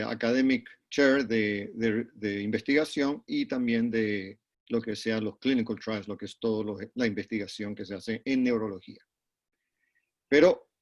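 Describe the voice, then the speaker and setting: A middle-aged man from Panama, a neurologist, answering interview questions over a video call in a measured way, with frequent restarts and repeated words. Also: mid-range voice, a little mellow. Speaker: neurologist and guest. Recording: dull lo-fi call audio.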